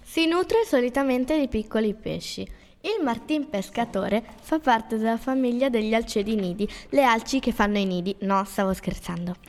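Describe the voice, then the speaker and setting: A woman's voice: fairly high pitch, lively intonation, moderate pace. Playful schoolgirl reading, echoey room. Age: child. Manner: playful, joking between lines. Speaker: student presenter.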